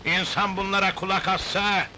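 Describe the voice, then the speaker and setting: An actor playing a carefree, defiant wealthy old father who laughs loudly and talks theatrically in a 1970s film. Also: high-pitched, little pitch movement, moderate pace, a little hiss or hum, rough recording. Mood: boisterous.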